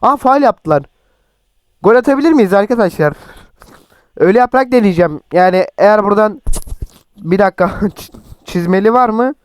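Hoarse young man, high voice. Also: animated, normal speed, long pauses, no room sound. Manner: chatty, teasing, shouts at players. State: sore throat, voice cracking. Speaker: mobile football gameplay streamer. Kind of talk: excited gameplay commentary.

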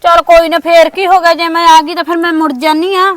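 A woman playing a grown married daughter who gently calms her mother down. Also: very high voice, fairly quick. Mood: soothing. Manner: soothing, pleading.

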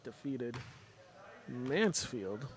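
Amid crowd noise, faint gym ambience, and bouncing balls in a big school gym, a man provides casual play-by-play. His mid-range voice has lively intonation and drawn-out words, and he repeats names and restarts phrases.

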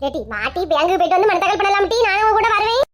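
A comedy sketch creator with a Kanyakumari Tamil accent plays a scheming, bossy elderly mother-in-law in a comic family skit, using a coaxing tone. Her voice is extremely high, expressive, and rapid-fire.

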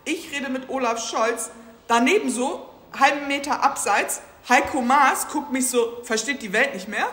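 A woman speaking as a guest at a public talk, telling an animated, slangy anecdote and acting out the dialogue. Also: high voice, unhurried, a little hiss or hum. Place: museum event space. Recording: roomy hall sound.

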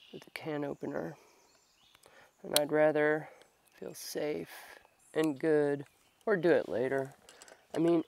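A young bushcraft vlogger talks casually to herself while working under a tarp at a grassy outdoor campsite, slow and thinking aloud. Her voice is low-pitched and darkish, a little congested from a long cold, picked up by a camera on a tripod a few meters away.

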